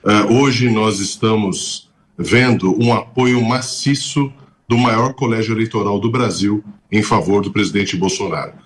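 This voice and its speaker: A man's voice: lowish voice, unhurried. A middle-aged man giving assured political commentary over a video call from his home office. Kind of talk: news commentary.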